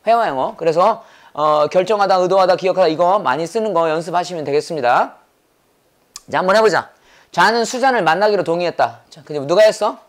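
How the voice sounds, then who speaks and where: A man teaching English grammar in a brisk lecture, drilling points over and over and firing rhetorical questions at his students. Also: high-pitched, animated. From South Korea. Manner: quizzing with rapid rhetorical questions. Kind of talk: classroom lecture.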